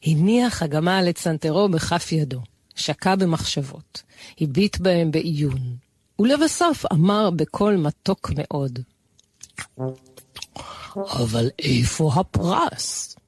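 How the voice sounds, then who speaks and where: A woman's voice: low-pitched, animated, darkish tone, slightly rough, no room sound. Woman reading a children's story. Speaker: radio host. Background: music.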